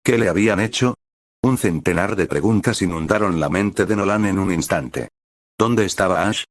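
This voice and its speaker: Deep-voiced man narrating a story. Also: normal speed, no echo, studio quality. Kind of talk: scripted audiobook narration.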